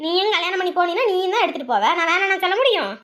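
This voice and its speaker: A woman voicing an easygoing middle-aged cartoon mother who calmly brushes off her daughter's complaints. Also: very high-pitched, rapid-fire. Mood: placating. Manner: calm, placating scolding. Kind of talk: cartoon voice acting.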